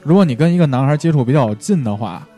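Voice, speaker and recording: A man's voice: medium pitch, fast, slightly rough, faint music behind. A man with a Beijing accent chatting casually and telling anecdotes in slangy language, acting out what others said. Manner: animated, slangy, acts out quoted remarks.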